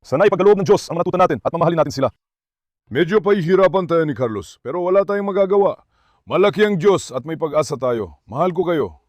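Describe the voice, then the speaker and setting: High-voiced man vlogging with his dogs. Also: lively intonation, fast, no room sound. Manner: coaxing and scolding his dogs between asides to viewers. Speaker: dog owner vlogger. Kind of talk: casual vlog narration while handling dogs.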